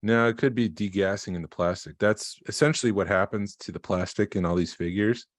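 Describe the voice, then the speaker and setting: A man's voice: lowish voice, a little fast, dry recording. A man co-hosting a collecting podcast in casual chat, explaining things in a matter-of-fact way. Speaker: podcast co-host.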